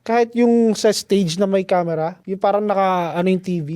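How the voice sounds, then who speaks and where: A man guest on a podcast, telling a story in a casual, slangy, animated way with lots of restarts. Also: high voice, moderate pace, clear, resonant tone, no room sound, studio quality. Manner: animated, slangy, keeps saying "tol"; restarts and trails off often.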